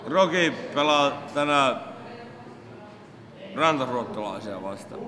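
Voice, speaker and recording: A man's voice: mid-range voice, long reverb tail. Joking man amid a crowd. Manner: joking, rambling mock analysis. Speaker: fan group member. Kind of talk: joking fan banter.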